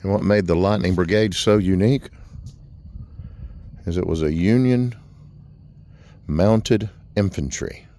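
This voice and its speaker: A man's voice: low voice, unhurried, pauses often, warm tone. A middle-aged man hosting an adventure vlog, giving chatty, upbeat narration while climbing a stone tower. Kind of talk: casual narrated walkthrough. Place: inside a stone tower stairwell.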